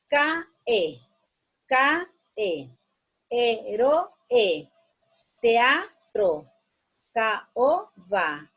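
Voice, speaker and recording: A woman teacher giving a slow, explanatory grammar lesson, repeating words and checking in with her students. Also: a little high, husky.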